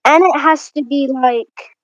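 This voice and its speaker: A woman's voice: high-pitched, measured pace, a crowd in the background. A woman in casual reaction chat, insistent and repeating her points. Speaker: co-host. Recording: dull dry lo-fi audio.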